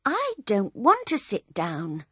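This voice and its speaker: A woman's voice: medium pitch, wildly swooping pitch, slow, a bit bright, slightly rough, dry recording, studio quality, voice pushed up, heavily acted. A woman voicing a whining, demanding little boy in a storybook reading. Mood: whiny. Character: whiny thirsty little boy.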